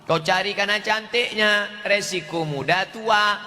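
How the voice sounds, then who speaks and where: Bright-voiced rhythmic male preacher. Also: sits high, big-room sound. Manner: measured, rhythmic, proverb-like delivery. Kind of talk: sermon with rhythmic sayings.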